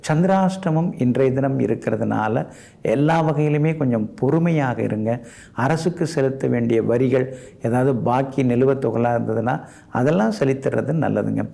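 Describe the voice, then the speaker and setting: A man's voice: medium pitch, normal speed, creaky, warm tone. A man giving a daily horoscope as an astrologer, in a polite, advising way. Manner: polite and advising, ends sentences with respectful "ங்க".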